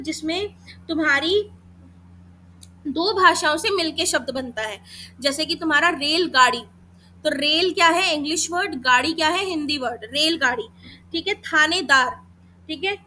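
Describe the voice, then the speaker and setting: A high, sharp-toned woman leads a Hindi grammar lesson aimed at exams, with a little hiss or hum present. She calls her students beta, uses English terms, and pronounces letters slowly.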